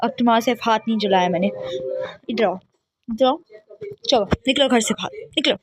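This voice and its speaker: A woman's voice: a little high, fairly quick, pitched below the performer's own voice, lightly acted. A woman voicing a cruel, scheming stepmother in a life-sim game story, speaking in a harsh, accusing and threatening way.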